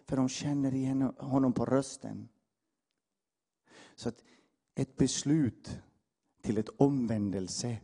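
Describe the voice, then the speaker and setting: Impassioned preacher man with a dark voice. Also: medium pitch, fairly even intonation, long pauses, husky. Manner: impassioned, swings from loud exhortation to hushed asides. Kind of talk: sermon.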